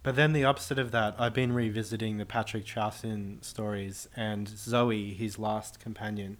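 Low-voiced man, matter-of-fact guest. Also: fairly even intonation, normal speed. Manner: knowledgeable, detailed, matter-of-fact. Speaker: podcast guest. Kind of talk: casual chat.

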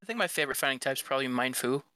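Bright, animated male co-host. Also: mid-range voice, rapid-fire, dry recording. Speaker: podcast co-host. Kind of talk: casual chat.

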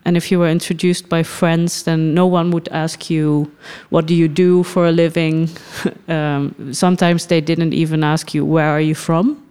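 A film festival director from the Netherlands, a middle-aged woman, is a thoughtful podcast interviewee who often pauses and laughs softly. Her low-pitched voice has a clean tone and little pitch movement.

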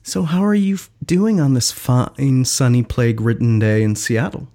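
A man's voice: mid-range voice, sing-song, normal speed, mellow. A man co-hosting a casual podcast, chatting playfully and joking with his co-host. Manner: playful, jokey banter. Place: Seattle.

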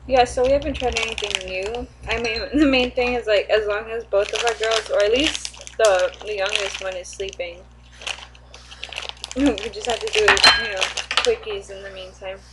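A woman's voice: medium pitch, fairly even intonation, normal speed, background noise. A woman in her late twenties co-hosting a podcast, chatting casually and giggling through her lines. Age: 20s. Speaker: podcast co-host. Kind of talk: casual chat.

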